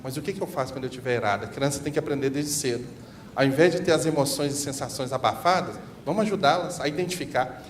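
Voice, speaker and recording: Animated man preaching in a reverberant hall. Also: mid-range voice, fast talker. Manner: animated, preaching, with acted examples. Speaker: seminar speaker. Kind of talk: church seminar talk. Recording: reverberant hall, faint noise.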